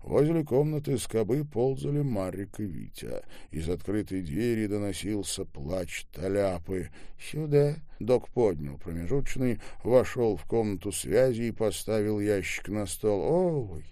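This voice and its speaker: A male audiobook narrator reads in an even, measured way. His voice is low and mellow, and the recording is close and dry with no room sound. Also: no echo. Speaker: audiobook reader.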